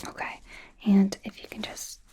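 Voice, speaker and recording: Speaking in a natural voice, a woman performing ASMR roleplays a young werewolf doctor who is awkward, curious, gentle and quick to apologize. Her breathy whisper halts and hesitates but stays softly reassuring, keeping things gently clinical.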